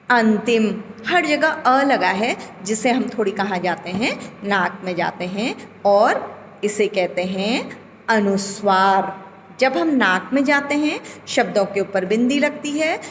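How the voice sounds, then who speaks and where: A woman teacher talks to schoolchildren at a very slow, patient pace, stretching out sounds and stopping to quiz the class. Her voice rings with a long reverb, and a faint background hiss sits beneath it. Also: medium pitch. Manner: slow, deliberate, drawing out vowels and asking questions to the children. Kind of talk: recorded online class lesson. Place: home.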